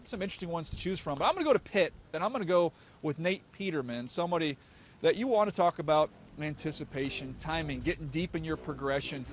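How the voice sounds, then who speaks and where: A man's voice: fairly high pitch, slight background noise. A man hosting a football podcast, moving through segments and talking about draft picks. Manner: brisk, segment-driving host. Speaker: podcast host.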